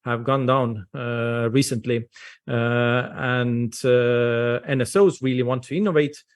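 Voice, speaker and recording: A man's voice: medium pitch, fairly even intonation, slow. Hesitant man presenting. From Estonia. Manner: hesitant, frequent "uh" fillers. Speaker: invited speaker. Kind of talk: conference presentation.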